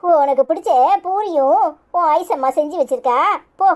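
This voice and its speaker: A woman voicing a shrill scolding cartoon mother. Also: moderate pace, dark tone, lightly acted. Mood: soothing. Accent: Kanyakumari Tamil. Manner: scolding, firm. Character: sharp-tongued cartoon mother, Aisu. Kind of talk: cartoon voice acting.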